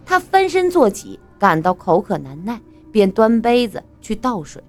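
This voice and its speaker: A woman reads a spooky tale aloud in a dramatic storytelling voice. Her pitch swings widely from line to line. Soft music plays faintly behind her. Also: a little slow. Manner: expressive, dramatic. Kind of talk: scripted story narration.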